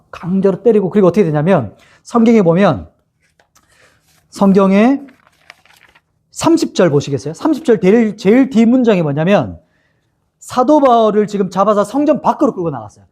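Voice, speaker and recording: Animated male pastor preaching. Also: high voice. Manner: storytelling with frequent rhetorical questions to listeners. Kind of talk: expository sermon to young adults.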